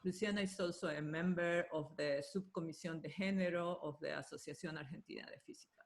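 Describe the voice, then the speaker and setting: Heard through a computer microphone on a video call, a deep-voiced woman speaks quickly with fairly even intonation. She hosts the online meeting, moderates the panel, organizes as she proceeds, and moves between two languages.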